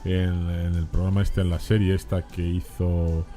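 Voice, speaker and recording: A man hosting a Spanish-language radio show, talking in a relaxed, conversational way with frequent restarts. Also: low voice, normal speed, soft background music. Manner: conversational, hesitant with many restarts. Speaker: radio host. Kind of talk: casual radio talk.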